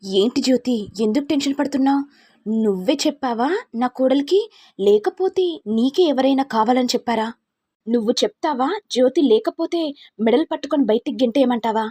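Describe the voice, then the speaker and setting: A woman's voice: a little high, normal speed, dark tone, dry recording, natural voice. A woman voicing a stern, angry older woman who heads a big family and scolds and threatens. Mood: angry scolding.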